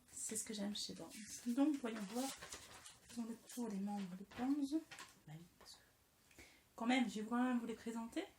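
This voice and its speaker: A woman's voice: fairly high pitch, darkish tone. Chatty young woman vlogging, echoey room. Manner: chatty, self-mocking, stumbles over names and mutters curses to herself; fidgets and moves around on camera. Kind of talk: casual talking-head vlog. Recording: echoey room, faint hiss.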